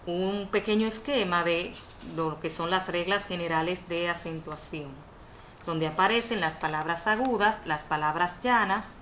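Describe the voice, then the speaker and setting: A Dominican university course facilitator with a low, fairly bright voice gives a webinar lecture on Spanish spelling from indoors over an online video conference. She's didactic, repeating definitions and correcting herself with "perdón." Faint background noise runs under the webinar audio.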